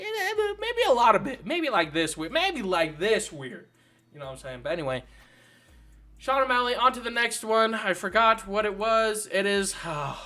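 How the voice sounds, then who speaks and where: A man's voice: on the high side, bright, forceful tone. A man hosting his own channel, ranting about fighters in casual, sarcastic commentary full of swearing. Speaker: channel host.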